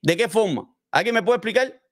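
A man's voice: high-pitched, expressive, fairly quick. A man hosting a casual true-crime commentary, explaining with gestures and asking his viewers rhetorical questions. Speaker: host commenting on a criminal case.

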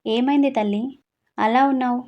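A woman's voice: on the high side, fairly even intonation, normal speed, highs cut off, close to an everyday voice. A woman doing a kind motherly mother-in-law. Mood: caring. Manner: soothing, motherly. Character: kind older mother-in-law, gentle and caring.

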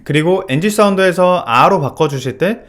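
Male vocal coach, fairly high, very animated intonation, methodical lesson delivery. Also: moderate pace, slight background noise. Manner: clear, methodical explaining with technical terms.

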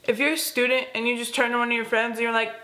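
A woman's voice: on the high side, level tone, rapid-fire, sharp tone. A teenage girl hosting a school video with sarcastic, teasing scripted narration. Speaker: student video host. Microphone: close camera, plain wall.

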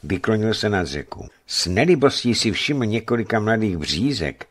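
A man narrating an audiobook in a measured, expressive way. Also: lowish voice.

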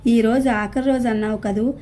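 A woman voicing a wandering male fakir mystic in a storybook reading, in her own calm, mellow voice. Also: fairly high pitch, moderate pace, a little hiss or hum, natural voice. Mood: grave.

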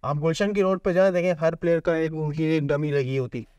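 A young man, a panel guest explaining his view in a measured way in a studio. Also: a little high, fairly even intonation, a little mellow, no room sound, dull audio. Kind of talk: casual cricket panel chat. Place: small indoor TV studio.

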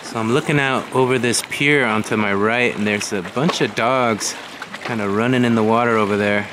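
The man, in his forties, speaks at a moderate pace in a lowish voice with fairly even intonation as he narrates a casual walk along the waterfront. A handheld camera mic captures him amid loud wind and outdoor ambience, so the recording is noisy.

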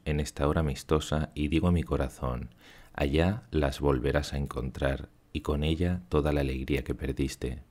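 Male audiobook reader, Spain Spanish accent, very low voice, solemn and lyrical delivery. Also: a little mellow. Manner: solemn, measured, lyrical reading. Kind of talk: literary audiobook narration.

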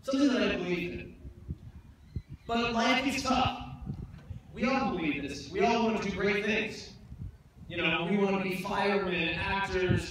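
A young man with a high, slightly bright voice stands at a podium on an outdoor stage giving a graduation speech, sincere but full of jokes at his own expense. Captured from a distance, the podium mic audio is echoey PA sound with plenty of noise.

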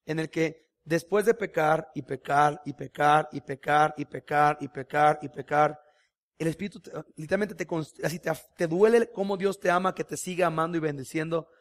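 Impassioned high-voiced Mexican preacher. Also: male voice, moderate pace. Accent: Mexican Spanish. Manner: impassioned, conversational preaching with rhetorical questions. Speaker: pastor. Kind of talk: sermon.

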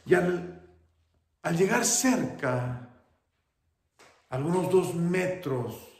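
A Mexican pastor preaching a sermon with emphatic storytelling, his pace very slow and deliberate. His voice has a gravelly, creaky texture. It echoes around a roomy church sanctuary. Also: on the high side, animated, darkish tone. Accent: Mexican Spanish. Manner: emphatic storytelling, dropping into English phrases.

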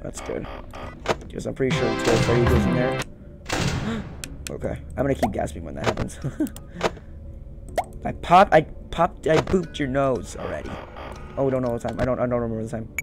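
Speaking at normal speed in a creaky, sing-song, medium-pitched voice, a young gaming video host comments casually as he plays, repeating short phrases to himself and leaving long pauses. He records indoors in a small room at home, with game music in the background.

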